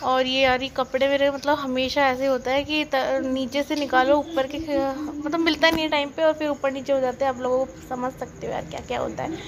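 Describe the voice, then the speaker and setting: A woman's voice: high voice, little pitch movement, fairly quick, few pauses, noisy background. A young woman in her twenties narrating her day in a casual vlog voice-over. She chats and grumbles playfully, and her throat is slightly sore. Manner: chatty, complaining in a playful way. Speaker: vlogger. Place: indoors at home.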